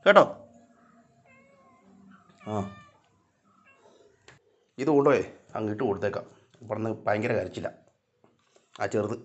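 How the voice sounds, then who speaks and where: A man filming a casual vlog, talking to his cats, coaxing them and now and then scolding them in loud, high calls. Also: highs cut off. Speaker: vlogger. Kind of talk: casual vlog talk to camera and pets.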